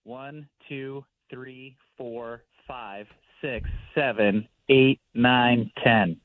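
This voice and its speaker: A man in a radio studio speaking through a voice changer that layers his voice into a demonic sound, doing a plain, unhurried mic check. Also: fairly even intonation, dry recording, phone-quality sound. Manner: plain and unhurried, reading out test words. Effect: voice changer that layers and lowers the voice into a demonic sound. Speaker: radio studio crew member testing a voice disguise. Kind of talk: mic check, counting aloud. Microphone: studio microphone.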